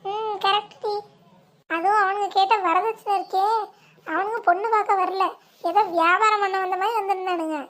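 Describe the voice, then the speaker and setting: A woman's voice: very high-pitched, steady tone, moderate pace, fairly bright tone. A woman acting a fretful village mother and her chatty relatives in a comic family skit, with dramatic gossiping talk.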